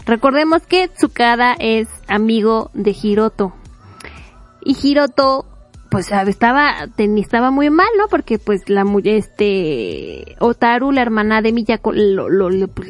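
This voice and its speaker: A woman casually retelling a manga plot, animated and chatty, laughing often and acting out the characters' lines. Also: on the high side, dry recording. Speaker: manga reviewer.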